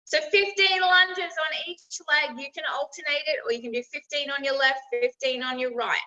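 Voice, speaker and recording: Female fitness instructor, high-pitched, encouraging, calling out exercise cues; roomy, distant recording. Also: fairly even intonation, normal speed, pushed and bright. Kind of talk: live workout coaching with encouraging cues. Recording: roomy, distant mic, slightly dull.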